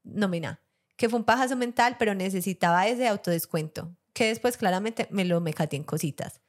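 A woman's voice: medium pitch, fairly quick. A woman with a mid-range voice co-hosts a casual podcast. She reads listener stories aloud, stopping to comment and giggle along the way. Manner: reads aloud with frequent laughter and asides. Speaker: podcast co-host.

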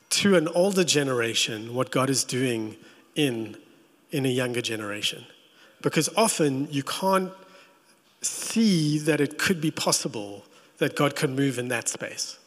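A man preaching a sermon as pastor. He tells the story in an animated way and makes playful asides to the congregation. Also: medium pitch, long reverb tail.

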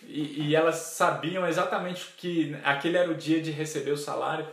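Male preacher, slightly high voice, earnest questioning sermon, echoey room. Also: steady tone, normal speed, fairly bright tone.

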